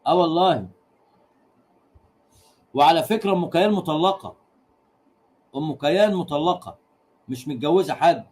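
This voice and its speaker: A rowdy Egyptian man with a fairly high voice hosts a casual livestream. He teases his audience, repeats the same punchline again and again, and breaks into laughter between crude jokes. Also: animated, moderate pace, long pauses, darkish tone. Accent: Egyptian Arabic. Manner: laughs often while talking. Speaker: livestream host.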